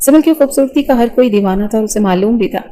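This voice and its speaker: Mellow-voiced woman narrating a romance novel. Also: on the high side, rough recording.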